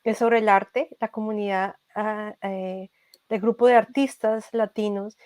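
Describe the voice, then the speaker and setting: A young Colombian woman giving a casual interview, speaking thoughtfully and pausing often with fillers and restarts. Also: medium pitch, steady tone, darkish tone, dry recording. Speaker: podcast creator, interview guest.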